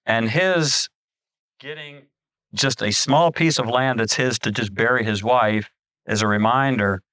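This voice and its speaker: A man's voice: mid-range voice, measured pace, pushed and bright, no room sound. A middle-aged man, a pastor, preaching a conversational sermon with frequent restarts and asides.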